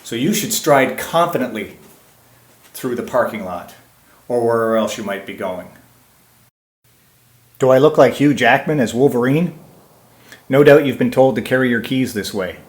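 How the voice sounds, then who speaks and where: Male self-defense instructor, mid-pitched, emphatic teaching delivery, recorded in an echoey room. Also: animated, normal speed, long pauses. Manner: emphatic, asks and answers his own questions. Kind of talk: instructional presentation.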